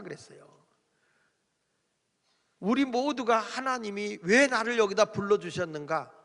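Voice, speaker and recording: A man delivers a revival sermon in a church, folksy and humorous, pausing to have the congregation repeat his words. His voice sits high and sounds bright and forceful. A long reverb from the hall trails each phrase. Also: gravelly. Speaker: guest revival preacher. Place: church sanctuary.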